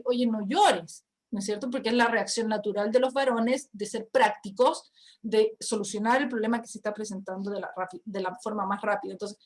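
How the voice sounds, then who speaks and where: A middle-aged woman, giving a talk to parents on family communication and acting out little dialogues. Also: on the high side. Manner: acts out family dialogues in lively quoted voices.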